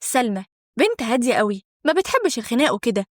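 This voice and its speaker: A woman's voice: on the high side, big pitch swings, quick pace, no room sound, studio quality. A young woman with an Egyptian accent narrating a first-person story in a conversational, dramatic way.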